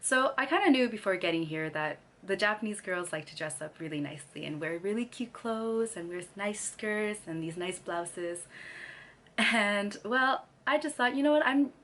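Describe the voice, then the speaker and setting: With a medium-pitched, fairly bright voice, a young Canadian woman chats casually to the camera as a vlogger. Her throat is slightly scratchy from losing her voice, and she laughs often between sentences.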